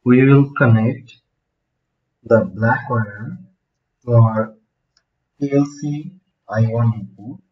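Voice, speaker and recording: A man's voice: medium pitch, slow pace, pauses often. A man in his thirties giving a step-by-step technical tutorial from a desk in a small room. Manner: steady step-by-step explaining. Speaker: automation instructor. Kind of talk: screen-recorded technical tutorial. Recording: dull lo-fi home recording.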